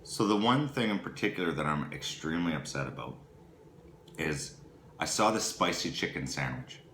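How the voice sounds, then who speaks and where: A man, co-hosting a casual chat and telling a story with lively acted-out quotes. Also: rumbling low, moderate pace. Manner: animated storyteller, acts out quotes. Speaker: podcast co-host. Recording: echoey room with faint background noise.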